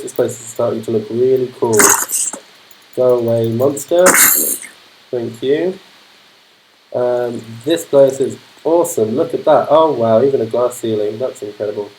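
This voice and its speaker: A man with a polished London accent, not Cockney, narrates a gameplay livestream as an English teacher. His voice is mellow and warm. He speaks slowly and clearly for learners and keeps up an upbeat, encouraging patter. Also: medium pitch, poor audio. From London, England. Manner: upbeat, keeps saying fantastic. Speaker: English teacher streaming a game.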